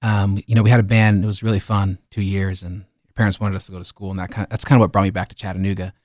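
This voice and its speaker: A man in his thirties, born in Liberia, telling his life story as a musician guest in a radio studio, relaxed and full of fillers. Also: low-pitched, fast talker, no echo. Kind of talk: casual interview.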